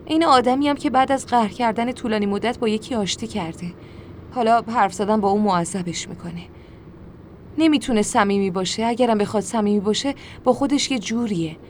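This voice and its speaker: A woman's voice: fairly high pitch, slight background noise. A woman narrating a dramatic first-person story in an emotional voice. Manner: emotional, shifts to screaming anger in dialogue. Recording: music behind.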